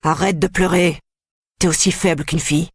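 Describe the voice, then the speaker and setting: An audiobook reader voicing a violent, contemptuous young man in a thriller, with a husky, dry voice. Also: medium pitch, steady tone, moderate pace, no echo. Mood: furious. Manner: harsh, contemptuous. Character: violent young male brother, menacing. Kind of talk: audiobook dialogue.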